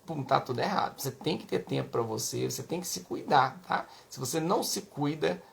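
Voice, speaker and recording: A man's voice: on the high side, animated, fairly quick. A man with a Brazilian Portuguese accent, a pediatrician giving parenting advice in a chatty way, full of tag questions. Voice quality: creaky. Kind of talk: casual advice talk.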